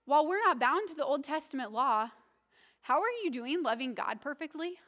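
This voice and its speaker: Woman pastor, high voice, earnest and conversational sermon delivery. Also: lively intonation, normal speed, a bit bright. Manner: conversational, earnest, asks the congregation questions.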